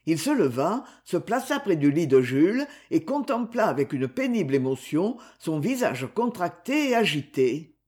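Audiobook narrator, classic novel, measured, expressive, animated intonation. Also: mid-range voice.

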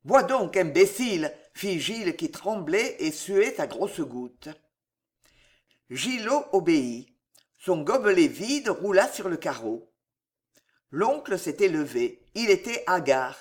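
Slow, measured audiobook narrator. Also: medium pitch, big pitch swings. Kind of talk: scripted narration.

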